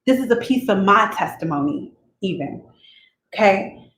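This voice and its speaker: A woman's voice: medium pitch, animated, normal speed, fairly bright tone. A woman hosting a book-reading channel, talking casually and emotionally at home and tagging her sentences with "okay?". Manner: chatty, tags sentences with "okay?"; emotional, openly expects to cry. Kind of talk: casual chat before reading aloud. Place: at home with her cat nearby. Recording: echoey room, faint noise.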